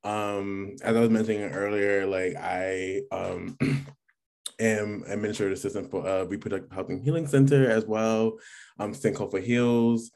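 A young man, his voice sitting a little low. He talks in a relaxed, rambling way, with plenty of "like" and "um" and easy laughter, as a guest on a casual podcast. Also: unhurried, creaky. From New York. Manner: relaxed, many fillers and "like", laughs often. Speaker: guest, graduate student. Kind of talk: casual chat.

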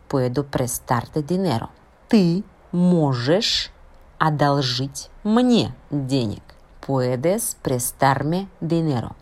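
Brief: woman teacher, low voice with lively melody, unhurried and deliberate. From Russia. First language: Russian. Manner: careful, deliberate explanation with spoken examples. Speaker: Russian language teacher. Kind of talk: explaining a language lesson.

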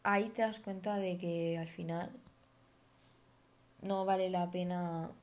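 A woman's voice: lowish voice, steady tone, takes it slowly, darkish tone. A woman, hosting a reflective personal monologue in an earnest, thoughtful, advice-giving way. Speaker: podcast host.

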